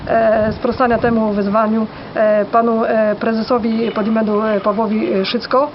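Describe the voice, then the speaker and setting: A woman with a Polish accent speaking unscripted to the camera in a halting, hesitant way with many pauses. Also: fairly high pitch, level tone. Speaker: charity challenge participant. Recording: dull lo-fi audio, faint background noise.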